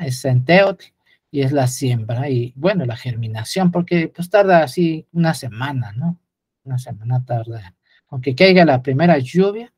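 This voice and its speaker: A man's voice: fairly high pitch, a little mellow, no echo, studio quality. A man gives an unscripted lecture, often hesitating with fillers and restarts while pointing things out on a chart.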